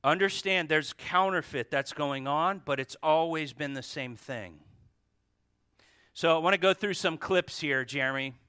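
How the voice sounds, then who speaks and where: A pastor preaches a sermon at a pulpit microphone, his fairly high voice bright, smooth, and forceful at a measured pace. He stresses and repeats key words and puts rhetorical questions to the congregation, recorded in studio quality with no echo.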